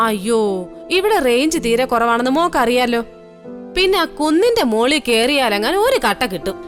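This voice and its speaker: Bossy middle-aged housewife, lively high voice, soft music behind. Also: female voice, moderate pace. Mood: tender. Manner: scolding, grumbling, then tender. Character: bossy, caring middle-aged woman, scolding her husband. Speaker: Annamma, a housewife caring for a sick young mother. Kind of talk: TV serial drama acting.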